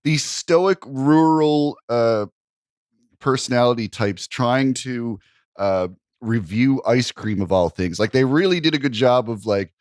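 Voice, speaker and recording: A man's voice: medium pitch, measured pace, a little mellow, no room sound, clean studio sound. A man co-hosting a comedy podcast, talking in an easygoing way and chuckling between phrases. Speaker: podcast co-host. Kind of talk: casual chat.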